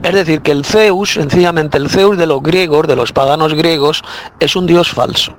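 A man's voice: fairly high pitch, normal speed. A man giving a spoken Bible teaching as a preacher, insistent and repetitive, with frequent hesitant fillers.

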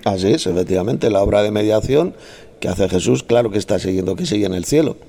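A man with a fairly low, gravelly yet mellow voice speaks fast and expressively as he leads a heated Bible study. He explains verses with conviction while combatively scolding and mocking those who disagree.

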